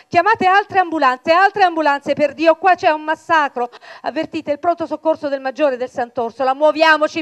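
A commanding fire brigade chief, played by a woman reader barks rapid orders at his crew in a loud, high, strained voice. He drives everyone to move and never lets up. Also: natural voice.

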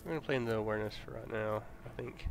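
A man's voice: on the low side, very fast, creaky, background noise. A man giving casual video game commentary, thinking aloud as he plays. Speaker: video game let's player. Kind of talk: casual gameplay commentary, reading dialogue aloud.

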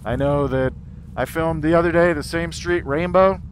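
A man's voice: on the high side, normal speed. A man talking inside a helmet, casually narrating as a vlogger while he rides a motorcycle. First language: English. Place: outdoors on a motorcycle in city traffic. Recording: road, wind and vehicle noise. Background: traffic and motorcycle ride noise.

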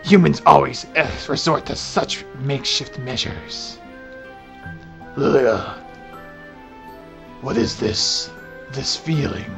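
A man voicing a gruff, blunt male demon warrior, reading video game dialogue in a stern, deliberate way. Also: mid-range voice, expressive, a bit bright, faint music behind, voice pushed down, full character voice. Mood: brooding.

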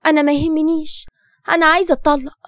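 A woman with an Egyptian accent voicing a hurt, tearful young woman in an animated story. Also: high voice, quick pace. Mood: upset.

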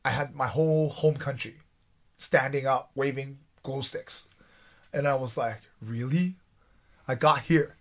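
A man in his forties from Taiwan, telling his own stories as a guest in a casual interview, animated and quoting himself. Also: mid-range voice, measured pace. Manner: animated, restarts often, quotes himself. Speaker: guest, former fighter.

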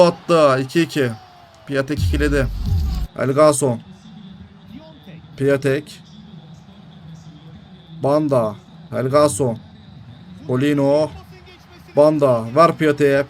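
Excitable young man commentating a football game. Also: fairly high pitch, slow, long pauses, slight background noise. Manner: excitable play-by-play, shouting at goals and griping at the referee. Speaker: gaming YouTuber.

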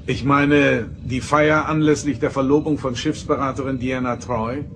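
An actor playing an authoritative starship captain, formal and deliberate, in a German science-fiction radio drama. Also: male voice, mid-range voice, fairly even intonation, background noise, natural voice. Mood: formal, measured. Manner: formal, commanding.

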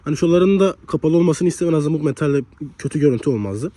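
A young man with a slightly hoarse voice from a cold, chatting casually as he walks around a car outdoors and reviews it, often dropping a filler word. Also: on the high side, animated, racing, warm tone, no echo. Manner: chatty, leans on the filler "hani".

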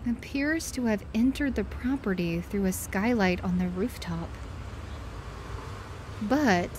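A woman's voice: fairly high pitch, a little hiss or hum, low-quality recording. A woman voicing a stern, hot-tempered fox police inspector in a comic fan dub, scolding and indignant. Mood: businesslike.

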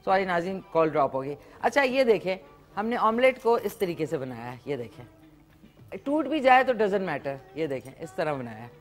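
A woman hosting a live TV cooking demonstration, chatty and animated with frequent exclamations. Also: lowish voice, moderate pace, soft background music. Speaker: morning show host. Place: TV studio kitchen set.

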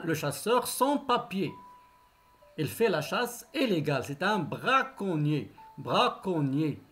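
A man teaching French reading, who says each word slowly two or three times and gives short simple explanations between the drills. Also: on the high side, fairly bright tone. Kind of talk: slow, drilled pronunciation lesson.

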